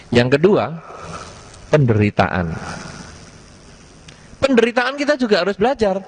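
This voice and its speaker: An older man giving a Buddhist sermon, asking his audience lively rhetorical questions and slipping into words. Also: fairly high pitch. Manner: animated, rhetorical questions, mixes in Javanese words. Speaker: Buddhist monk giving a Dhamma talk.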